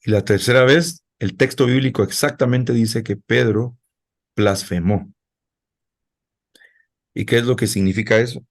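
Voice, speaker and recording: A man's voice: mid-range voice, a little slow, pauses often. A male pastor preaching a sermon in a conversational way, speaking directly to his congregation.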